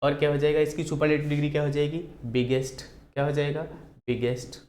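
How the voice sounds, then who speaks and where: A man's voice: fairly high pitch, little pitch movement, fast talker, darkish tone. Echoey male grammar teacher. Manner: repeats key answers as call-and-response questions. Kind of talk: classroom grammar lecture.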